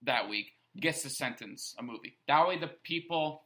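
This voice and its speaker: A young man co-hosting a podcast, telling a story in an animated way among friends. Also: mid-range voice, moderate pace. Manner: animated storyteller, acts out quotes, swears casually. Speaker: podcast co-host. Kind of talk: casual chat, storytelling.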